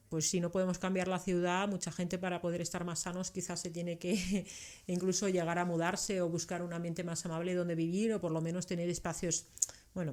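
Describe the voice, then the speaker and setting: Her voice is on the low side and a little mellow: a middle-aged native Finnish speaker from Karelia, southeastern Finland. As a doctor and science communicator guesting in an interview, she explains conversationally and frequently tacks on tag questions.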